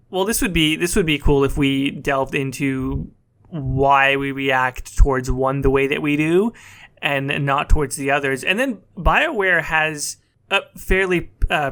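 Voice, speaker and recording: Bright-voiced young man chatting casually. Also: fairly high pitch. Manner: laid-back, chatty, says "man" and "bro" a lot. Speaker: podcast co-host. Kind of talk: casual podcast chat.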